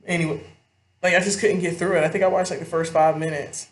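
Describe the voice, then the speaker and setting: A young woman vlogger rambles through casual commentary, talking straight to her viewers and swearing freely. Her voice is on the low side, level in tone, and quick, with a roomy echo in the recording.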